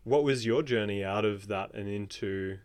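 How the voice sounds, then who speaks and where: A man hosting a casual interview, relaxed and affirming, chatting easily. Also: on the low side, moderate pace, clear, resonant tone, no echo. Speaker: podcast host.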